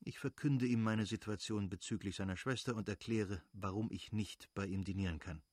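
A man voicing a cold, formal middle-aged official who speaks in measured, distant sentences. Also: on the low side, no room sound, clean studio sound, close to an everyday voice.

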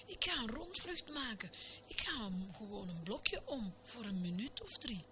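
A woman voicing a cheerful, impulsive female sheep in a soft whispered storybook role-play, over a noisy recording. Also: mid-range voice, lively intonation, normal speed, close to an everyday voice. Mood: playful.

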